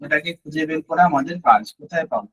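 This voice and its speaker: Husky man teaching a live web class. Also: a little high, fast, fairly bright tone, lo-fi sound. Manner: explains step by step, often checking in with listeners. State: slightly hoarse from long talking. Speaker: web design instructor. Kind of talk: live screen-share tutorial.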